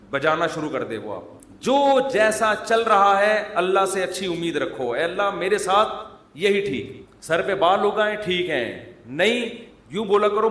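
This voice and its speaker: Joking preacher, echoey hall. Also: male voice, fairly high pitch, a bit bright. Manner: jokes mixed with earnest advice, asks and answers own questions. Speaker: Islamic preacher. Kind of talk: humorous sermon. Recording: echoey hall with faint ambience.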